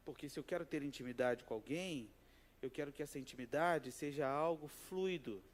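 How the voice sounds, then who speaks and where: Speaking from the church sanctuary at a normal speed, this pastor has a fairly high voice and a Rio de Janeiro Portuguese accent. He keeps the sermon relaxed and chatty, telling personal anecdotes, mimicking the people he quotes, and bantering with the congregation.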